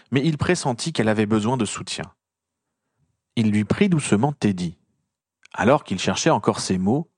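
A man reading a story aloud with expressive, lively storytelling. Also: on the low side, no room sound, studio quality. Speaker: reader. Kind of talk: audiobook reading of fan fiction.

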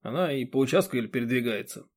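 A man's voice: medium pitch, lively intonation, fast, husky. Young man voiced by a man, plain, matter-of-fact.

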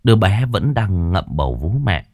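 A man narrating a horror story in a lively, vivid way. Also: moderate pace, no echo, studio quality. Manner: lively, vivid telling with varied pitch.

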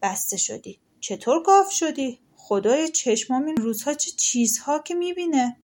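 A woman's voice: high-pitched, lively intonation, a little mellow, pitched above the performer's own voice. A woman voicing a stingy, cruel male landlord in an audiobook folktale, exclaiming and then pleading. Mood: indignant.

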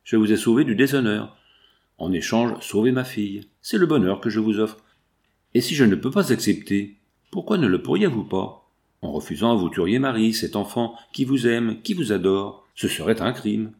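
A stern millionaire father, cold and insistent, as a low-voiced reader plays him. The low voice has a gravelly edge. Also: expressive, normal speed, a little mellow. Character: stern older male millionaire, coldly insistent. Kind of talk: audiobook reading.

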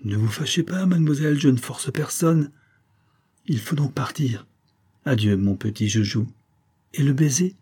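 Un homme qui joue un jeune lieutenant fier et susceptible, au parler formel et raide, dans une nouvelle lue à voix haute. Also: male voice, mid-range voice, expressive, normal speed, long pauses, mellow, husky, pitched above the performer's own voice. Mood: courting. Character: young army lieutenant, proud and touchy.

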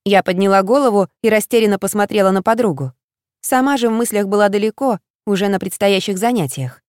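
Woman reading a first-person audiobook, lively storytelling, super dry close mic. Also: medium pitch, brisk, no room sound. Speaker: audiobook narrator.

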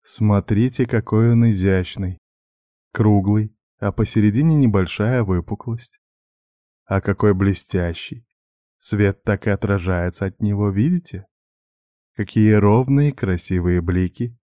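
A man voicing a gentle male investigator who speaks in a soft, ingratiating, monotonous way. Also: lowish voice, unhurried, no room sound, studio quality, close to an everyday voice. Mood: soothing coaxing. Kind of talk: audiobook character voice.

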